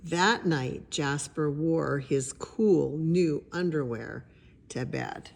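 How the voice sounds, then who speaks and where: Low-pitched elderly woman reading unhurriedly. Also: gravelly. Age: older. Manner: drawn-out, suspenseful phrasing when reading. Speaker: storybook reader. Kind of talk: children's picture book read-aloud with chatty asides. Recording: noticeable background noise.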